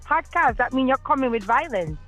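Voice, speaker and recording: A podcast co-host who teases the guest, repeating lines in an excitable way. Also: high-pitched, a little fast, over music. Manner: teasing, repetitive, excitable. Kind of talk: casual podcast chat.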